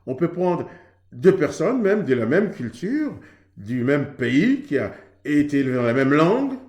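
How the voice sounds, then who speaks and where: A man's voice: fairly high pitch, very animated, measured pace, darkish tone, reverberant. A man from Haiti preaching earnestly on marriage, in a conversational way that acts out both sides of a couple's exchange. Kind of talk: sermon on marriage.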